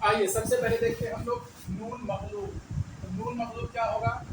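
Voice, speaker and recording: A man's voice: very high-pitched, sing-song, normal speed, far from the mic, loud music behind the voice. A man teaching a beginner language lesson, patiently asking questions and answering them himself, repeating key words. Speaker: Urdu teacher. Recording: echoey, mic set back, traffic noise.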